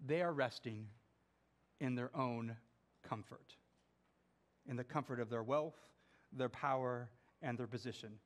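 In a small church, a middle-aged pastor paces and reads scripture aloud during his sermon, moving from emphatic to hushed. His mid-range voice is measured and pauses often, recorded by a far camera.

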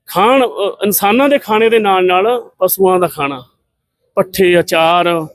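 In an unhurried, high-sitting voice, a middle-aged man from Punjab, India, makes an impassioned political statement to the press. It is combative and scornful, full of rhetorical questions.

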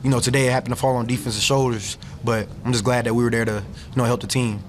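A man's voice: medium pitch, level tone, quick pace, slight background noise. A young man, a defensive football player, answering questions casually at a post-game press conference, full of "you know.". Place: press room, seated at table. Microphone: table mic.

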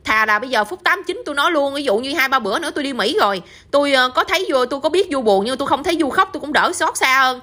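Gentle young man consoling a friend, read by a woman storyteller, bright and quick, southern vietnamese. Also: high voice, animated. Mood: soothing. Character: young man leaving to study abroad, gentle.

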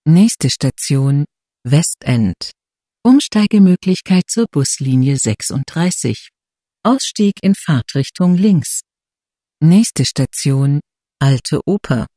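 A transit announcer giving scripted subway announcements of stations and transfers in formal, measured, segmented phrases. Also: mid-range voice, dark tone, no room sound, clean studio sound.

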